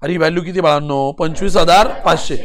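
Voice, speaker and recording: A man with a Marathi accent teaching an accounting lesson, firing quick questions, answering them himself, urging students to speak up, and reading problem text slowly. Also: on the high side. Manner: urges students to answer loudly; switches between Marathi and English. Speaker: commerce teacher.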